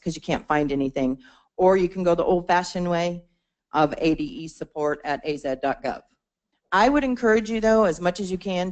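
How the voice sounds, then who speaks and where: At a membership meeting in a meeting room, a woman with a lowish, slightly mellow voice explains a support portal. She speaks conversationally, with fillers and restarts.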